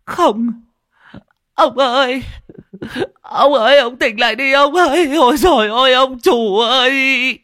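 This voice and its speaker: A man voicing an old widow who wails in shrill, keening grief over her dead husband. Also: slow pace, sharp tone, no room sound, studio quality, full character voice. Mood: wailing grief. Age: older.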